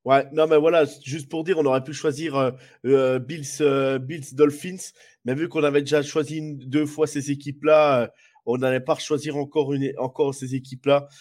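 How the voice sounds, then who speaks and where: A podcast co-host, stuffy with a cold, rambles through his picks in a casual sports chat, with many fillers and restarts. His voice is fairly high and a little mellow, with a level tone and moderate pace.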